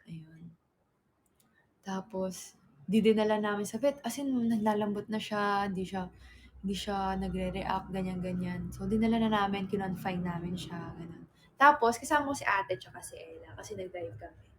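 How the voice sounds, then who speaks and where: A woman's voice: medium pitch, moderate pace, slightly rough, low-quality recording. A woman, chatting on a livestream, rambling through a story with many fillers and self-corrections and reading out viewer comments. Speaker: livestream host.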